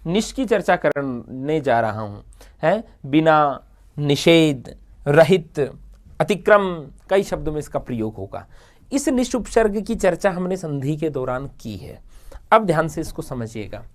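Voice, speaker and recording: A man teaching a Hindi grammar lesson. He dictates example words slowly, asks the class questions and answers them himself, and urges viewers to repeat each word aloud with him. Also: a little high, a bit bright, a little hiss or hum.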